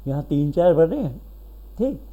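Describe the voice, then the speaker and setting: A man's voice: on the high side, sing-song, measured pace, phone-quality sound. A man giving a biology lecture who explains step by step, asks questions and answers them himself, and keeps checking in with his students. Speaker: biology teacher. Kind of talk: recorded classroom lecture.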